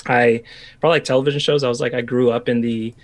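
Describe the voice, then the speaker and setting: A man's voice: medium pitch, steady tone, fast. A man in his thirties from Washington state, a pastor chatting as a podcast guest in a reflective way, with many restarts. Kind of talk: casual podcast conversation.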